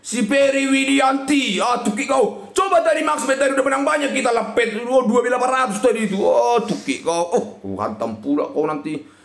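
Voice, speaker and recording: A young man calls out a slot game live, shouting and scolding it. His voice sits very high, swings widely in pitch and has a gravelly edge. The sound bounces around an echoey room. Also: brisk. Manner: excitable, swears at the game, frequent shouting. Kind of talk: live gameplay commentary.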